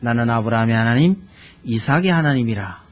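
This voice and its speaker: A man's voice: medium pitch, animated, fairly quick. A man preaching a sermon as pastor, talking conversationally and putting questions to the congregation. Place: church sanctuary.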